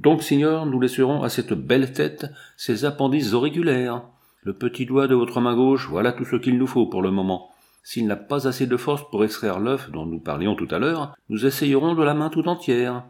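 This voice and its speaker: A man's voice: medium pitch, normal speed, darkish tone, close to an everyday voice. A man voicing a mocking, cruel male bandit chief who taunts with facetious jokes. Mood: taunting.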